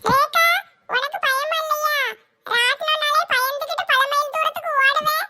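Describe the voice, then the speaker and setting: A woman doing a squeaky, bold young woman. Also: steady tone, moderate pace, heavily acted. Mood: teasing. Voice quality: very high and bright. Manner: teasing, boastful.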